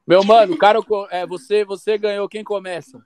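A man's voice: high voice, little pitch movement, fairly quick, a little mellow, clean tone, dry recording, clean studio sound. A man, hosting a rap battle on a video call in casual slang. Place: small room at home.

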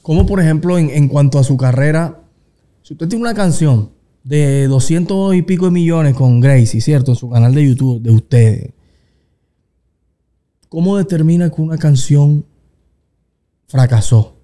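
A man's voice: on the high side, normal speed, long pauses, warm tone. A man interviewing a guest in a casual, chatty way, asking loose questions. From Colombia.

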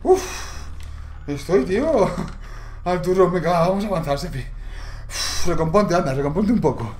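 A man's voice: high-pitched, lively intonation, moderate pace, slight background noise. A man commentating a horror game, panicky and swearing. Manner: panicky, swearing, shouting in fright. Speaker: gamer. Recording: echoey room.

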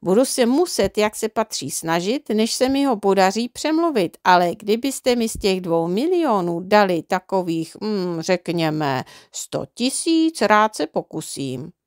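Lady putting on a sly smooth-talking swindler guy, coaxing, drawn out, dry close sound. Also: mid-range voice, expressive, few pauses, no echo, natural voice.

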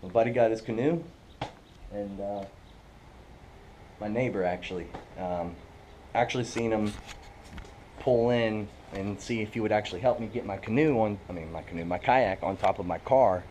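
A young American fishing vlogger chats informally with viewers, calling them guys, recorded outdoors on an action camera. His voice is fairly low and darkish at a moderate pace with long pauses, and a little hiss or hum is audible.

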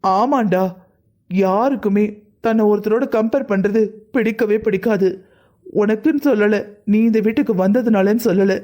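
A woman's voice: medium pitch, dark tone, close to an everyday voice. A performer voicing a young married woman, an elder sister, who complains hurt and pleading in a cartoon family drama. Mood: bitter. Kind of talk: cartoon voice acting.

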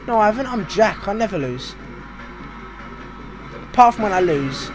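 British guy doing a game walkthrough, pretty high voice, rambly and jokey about himself, some game music underneath. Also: sing-song, moderate pace. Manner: rambling, self-mocking, chatty. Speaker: gaming walkthrough host. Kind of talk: casual game commentary.

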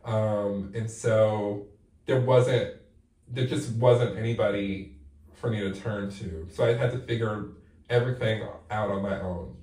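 Sitting in a bathtub, a playwright in his forties gives a thoughtful, candid interview peppered with "like." His warm, lowish voice keeps fairly even intonation at a measured pace, and a distant camera records it in an echoey bathroom.

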